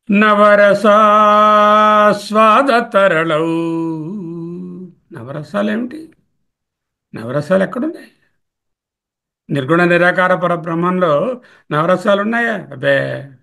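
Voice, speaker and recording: Slow, gravelly-voiced male Sanskrit teacher. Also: a little high, fairly bright tone. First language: Telugu. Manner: poses questions and answers them himself; repeats verse words slowly, glossing each. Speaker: teacher explaining a Sanskrit hymn. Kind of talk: scholarly commentary lecture.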